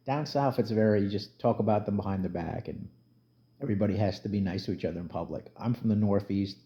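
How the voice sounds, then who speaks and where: Talking fast in a low voice, a middle-aged New Jersey man rants emphatically on his casual YouTube commentary vlog. He is blunt and conversational, sticking to plain talk. The audio is dull and lo-fi.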